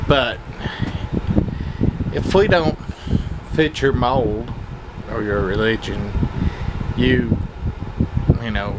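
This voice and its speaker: A man chatting casually in a rambling vlog, hesitant and meandering, frank and coarse in his wording. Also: medium pitch. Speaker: vlogger. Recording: loud fan noise over the voice. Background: whirring fan.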